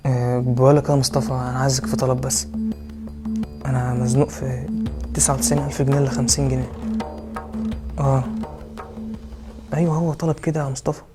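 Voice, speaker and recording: A man's voice: medium pitch, a little mellow. A young man with an Egyptian accent acting a hesitant, stammering husband in a comedy sketch. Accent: Egyptian Arabic.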